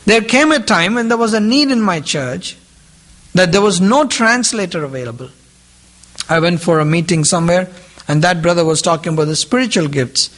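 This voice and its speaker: A rough recording captures a man giving a sermon to a group in his second language, English, his high, slightly bright voice moving with lively intonation at normal speed. He repeats key phrases and poses questions to those listening.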